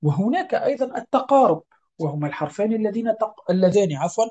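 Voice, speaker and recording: A Quran recitation teacher gives a tajweed lesson. The teacher explains each rule patiently, repeats points, checks that students follow, and slows down to recite examples. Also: mid-range voice, lively intonation, darkish tone.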